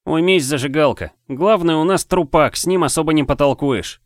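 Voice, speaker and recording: A man's voice: on the high side, lively intonation, normal speed, dry recording, studio quality, voice pushed up. A man voicing a brash, cocky boy who teases cheekily with slang. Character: brash cocky boy, sharp-tongued and bossy.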